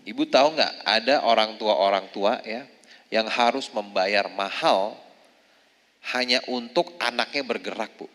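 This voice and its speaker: A man's voice: fairly low pitch, measured pace, a bit bright. Chatty male preacher in a reverberant hall. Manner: chatty, tags lines with "ya, Bu". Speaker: Islamic preacher. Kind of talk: religious study talk to women.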